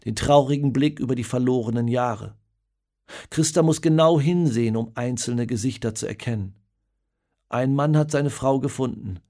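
A man narrating a story in an expressive, dramatic reading voice. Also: mid-range voice.

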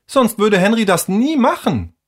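A man's voice: high voice, big pitch swings, unhurried, voice pushed up, full character voice. A man voicing a sympathetic young girl who sighs over a friend's trouble. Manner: sighing, sympathetic.

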